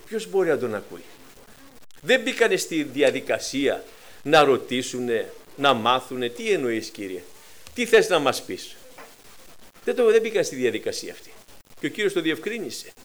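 A man preaching a sermon with passion, often pausing on filler sounds, dropping low and quiet as he retells a story and rising loud on its cries. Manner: impassioned, rises high and loud on acted cries, drops low and quiet while retelling; frequent hesitations with filler sounds.

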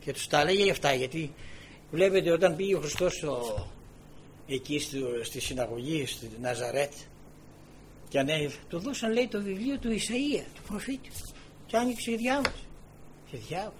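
A man preaching a sermon, firing rhetorical questions and swinging from low murmurs to loud exclaiming. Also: long pauses, a little hiss or hum.

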